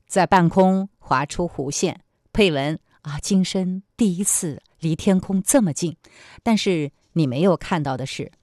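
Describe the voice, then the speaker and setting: Lowish-voiced woman presenting scripted news. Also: darkish tone, no echo, studio quality. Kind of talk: scripted news commentary and reading.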